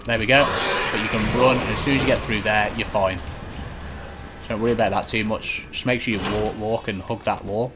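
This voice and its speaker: In this casual instructional gameplay commentary, a man with a fairly low pitch and fairly even intonation explains and reassures at a moderate pace, staying matter-of-fact. The home recording is clearly noisy.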